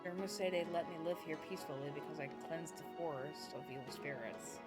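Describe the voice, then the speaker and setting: A woman's voice: deep voice, fast. A woman game streamer reading narration and dialogue from a story game aloud. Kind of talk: reading visual novel text aloud as a story. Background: background music.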